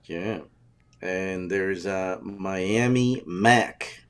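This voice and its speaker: A man's voice: sits low, extremely slow, smooth. Easygoing man greeting viewers on a podcast. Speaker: co-host. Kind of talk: casual podcast chat.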